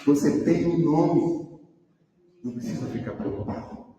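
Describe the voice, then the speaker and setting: A man's voice: on the high side, expressive, unhurried, dark tone. A man with a Brazilian Portuguese accent preaching a sermon as pastor, emphatic, repeating his phrases and calling out names. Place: church sanctuary. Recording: echoey church hall, voice from far off the mic.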